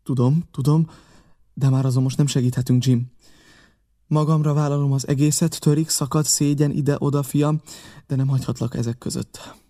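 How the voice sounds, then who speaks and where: A man's voice: mid-range voice, flat delivery, mellow, close to an everyday voice. A man voicing an earnest, kindly older ship's doctor who scolds and pleads, in an audiobook reading. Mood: urgent.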